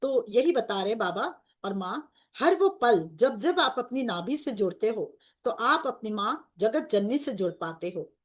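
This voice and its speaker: A woman's voice: fairly high pitch, lively intonation, a little slow. A woman guiding a group meditation in a devotional tone, with English words mixed into her speech. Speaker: meditation guide. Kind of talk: guided meditation.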